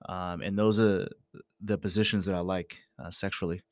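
A man recording in a small closet studio, speaking an unscripted, meditative motivational monologue in a reflective, halting way, repeating phrases for emphasis. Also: low voice, fairly even intonation, no room sound. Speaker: host of a self-help podcast.

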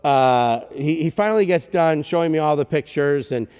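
A male pastor telling a story in a sermon, animated and self-deprecating. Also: fairly high pitch, moderate pace, smooth. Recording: long reverb in a church hall.

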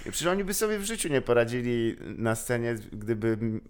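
A man in casual podcast chat, animated, swearing often and laughing a lot. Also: mid-range voice, fairly quick, clean tone.

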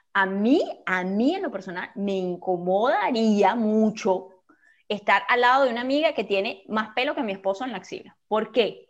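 A woman with a Venezuelan Spanish accent, chatting casually and frankly as a co-host with laughing asides. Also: fairly high pitch. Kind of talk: casual chat. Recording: dull lo-fi recording.

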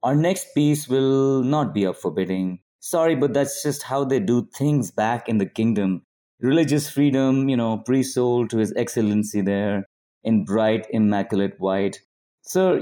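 A man's voice: medium pitch, mellow. A man performing a spoken word poem as rhythmic, rhyming auctioneer patter. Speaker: poet.

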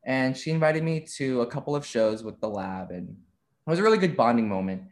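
A young man in his twenties talks openly as an interview guest. His voice sits at an ordinary middle pitch, and he is quick to laugh as he chats. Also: expressive. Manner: open and chatty, laughs often. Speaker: content creator being interviewed. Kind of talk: casual interview chat.

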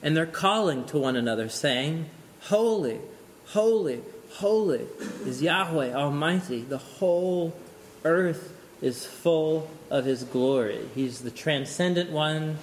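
Lively, chuckling male Bible teacher. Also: fairly high pitch, slow pace, slight background noise. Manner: animated, chuckles often between points; thinks aloud with frequent restarts. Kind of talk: informal lecture on scripture.

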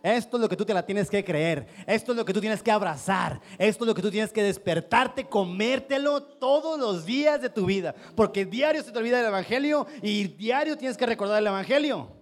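A high-voiced man speaking a little fast and barely pausing preaches as a pastor in front of his congregation. His accent is Mexican Spanish, and his delivery is forceful and repetitive, full of rhetorical questions aimed at the audience.

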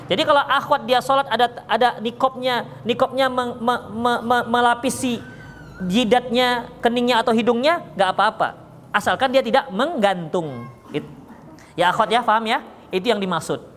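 An Islamic preacher from Medan, Indonesia, gives a religious lesson and answers questions, teasing and chuckling often. His voice is extremely high and fairly bright, at normal speed. He's recorded in an echoey hall with faint ambience and a little hiss or hum.

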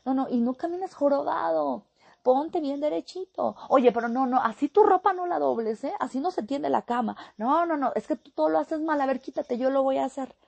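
A woman doing A fussy, scolding parent, pitched high above a speaking voice, fires off correction after correction. The tone stays gravelly, close and dry on the mic. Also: a little mellow, no echo. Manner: rapid-fire nitpicking scolds.

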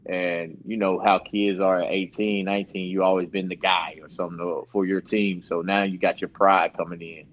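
Low-pitched man, laid-back storytelling, slangy, dull lo-fi recording. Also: level tone, normal speed, few pauses, a little hiss or hum. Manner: laid-back, slangy, laughs while telling stories. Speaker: basketball skills trainer, guest. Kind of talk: casual storytelling interview. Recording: dull lo-fi sound.

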